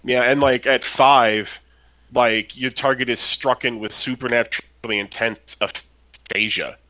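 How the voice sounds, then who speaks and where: A man's voice: mid-range voice, fairly even intonation, measured pace, pushed and bright, lo-fi sound. A man chatting casually on a podcast about a role-playing game, rambling with lots of fillers and tag questions. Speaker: podcast co-host.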